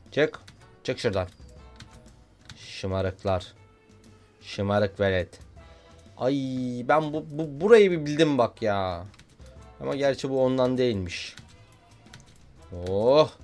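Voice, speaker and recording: A young man giving casual, excitable commentary while playing a video game, joking and shouting at what happens on screen. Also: fairly low pitch. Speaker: gaming YouTuber.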